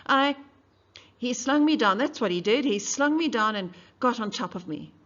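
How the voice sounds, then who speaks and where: At a normal speed and in a slightly bright, everyday-sounding voice, a woman plays a frightened, defiant young witness. Agitated, she stammers and breaks into shrill, defensive outbursts, captured on a dull lo-fi recording.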